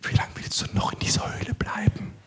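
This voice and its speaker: As a guest in the pulpit, a man preaches by trading long spans of near-whisper for loud, measured pronouncements.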